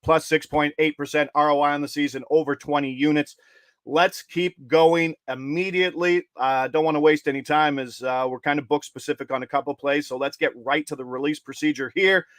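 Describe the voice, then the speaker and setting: Man, betting show host, fast upbeat patter, slightly high voice, dry close sound. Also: steady tone, a bit bright, no room sound. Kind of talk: live-stream betting picks.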